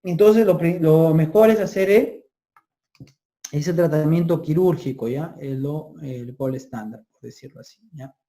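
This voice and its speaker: The voice is medium-pitched and dark, moving at a measured pace. It belongs to a lecturer preparing students for medical exams in a recorded session, repeating key terms to drill them and punctuating his lines with "ya?" and "ojo" to check that listeners are with him.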